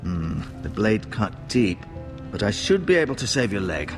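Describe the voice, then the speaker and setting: An actor playing a solemn older male maester and healer in a video game, speaking in a measured, advising way. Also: lowish voice, sing-song. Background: game music.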